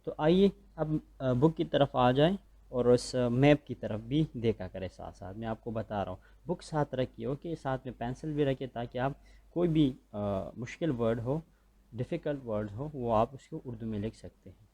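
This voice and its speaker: Man, Pakistani accent, school teacher, recorded lecture, patient and repetitive, warm mellow tone. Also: medium pitch, animated. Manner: patient, repeats points and checks understanding.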